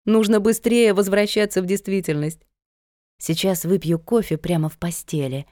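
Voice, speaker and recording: A woman reads a first-person story aloud in a wry, conversational way. Her voice is mellow and dark at a middle pitch. The recording is close and dry. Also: steady tone, moderate pace, no echo. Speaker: audiobook narrator. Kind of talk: first-person audiobook narration.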